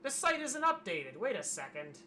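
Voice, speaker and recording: A hoarse streamer in casual livestream commentary, wry and grumbling, reading aloud from a web page. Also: mid-range voice, sing-song, normal speed, pushed and bright, slight background noise. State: losing voice, hoarse.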